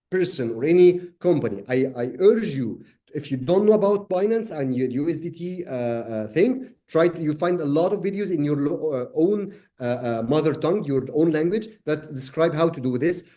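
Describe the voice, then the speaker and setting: Brief: man, from Egypt, webinar host, easygoing and halting, somewhat high voice, mellow tone. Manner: casual, many fillers, friendly "man". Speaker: trading webinar presenter. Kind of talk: live webinar Q&A.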